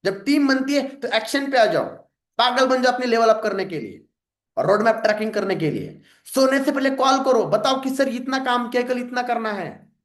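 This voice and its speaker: A man with a high voice coaches his sales team in a direct, lecturing way. He often acts out sample phone calls to show how it is done. The room around him is echoey. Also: sing-song, moderate pace, a bit bright. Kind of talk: informal coaching talk to a team.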